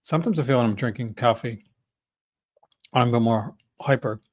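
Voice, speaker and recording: A man's voice: medium pitch, moderate pace, a little hiss or hum. A man with a Newfoundland accent chatting casually and off the cuff as a vlog host, folksy and enthusiastic. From Newfoundland, Canada. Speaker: host of a movie-collecting vlog. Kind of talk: casual unscripted chat.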